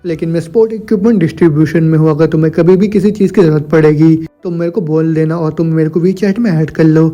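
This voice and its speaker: A man's voice: a little high, fairly even intonation, fast talker, few pauses, warm tone, close to an everyday voice. A man voicing a fawning salesman in glasses. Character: fawning bespectacled male salesman, opportunistic.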